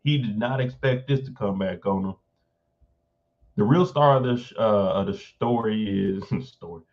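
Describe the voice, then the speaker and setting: Man, streamer reading an article aloud, blunt reactions, lowish voice, muffled audio. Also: moderate pace. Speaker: live stream host. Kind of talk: casual live stream commentary.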